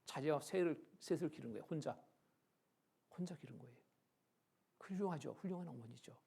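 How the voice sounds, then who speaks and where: A male pastor telling a story in a church sermon, animated, acting out the dialogue and swinging from loud to hushed. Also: on the high side, brisk, creaky, slightly rough. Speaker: pastor, Bible lecture speaker. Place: church sanctuary.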